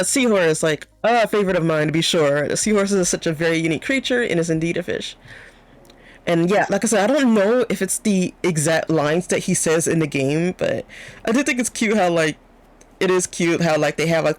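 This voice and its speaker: A young woman streamer chatting casually and rambling, full of "like" fillers, her voice jumping up high when she gets excited. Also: no echo. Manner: rambling, heavy use of "like" as filler. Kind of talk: casual chat.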